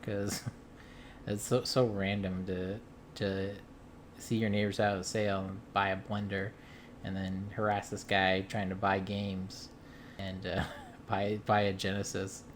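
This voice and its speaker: A man's voice: sits low, little pitch movement, measured pace, a little hiss or hum. A man from the US Midwest, a game-collecting vlogger, telling a story in casual chat, rambling with lots of ums and restarts. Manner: amused storytelling.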